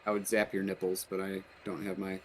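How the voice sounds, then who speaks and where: A man giving short casual callouts to his group in online game voice chat over clear noise. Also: low voice, monotone, fairly quick. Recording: noisy gaming voice chat.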